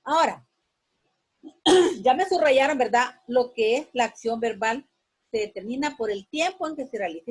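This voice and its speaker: A woman's voice: on the high side, slightly rough, low-quality recording. A woman teaching a sixth-grade lesson, patiently repeating each point and giving instructions to students. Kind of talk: classroom lesson.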